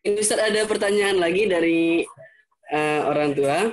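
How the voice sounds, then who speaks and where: A man moderating an online Q&A, reading a parent's question slowly and with hesitations. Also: sits high, low-quality recording. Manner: slow and hesitant, with fillers while reading out questions. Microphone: video call.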